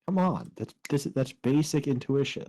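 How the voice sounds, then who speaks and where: A tabletop game player speaking in a matter-of-fact, deadpan way. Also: mid-range voice, moderate pace, a little hiss or hum. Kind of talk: casual table chat.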